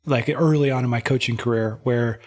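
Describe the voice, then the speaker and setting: A man's voice: mid-range voice, steady tone, fairly quick, darkish tone. A man co-hosting a podcast and coaching, speaking thoughtfully in casual chat with frequent "like" fillers.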